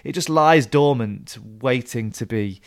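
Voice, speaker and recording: A man's voice: medium pitch, measured pace, clear, resonant tone. A man with a Nottingham accent, chatting casually as a podcast host in a teasing way. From Nottingham, England. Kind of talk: casual chat.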